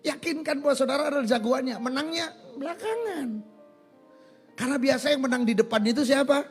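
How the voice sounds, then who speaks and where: A male pastor preaching a sermon in a church, animated, asking the congregation questions and answering them himself. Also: very high voice, a little fast, faint music behind.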